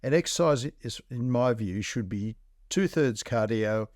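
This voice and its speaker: A man's voice: mid-range voice, lively intonation, measured pace, darkish tone, no room sound, clean studio sound. A man, a doctor co-hosting a health podcast, talking bluntly and walking through numbers in plain terms. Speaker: doctor co-host. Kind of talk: casual health podcast chat.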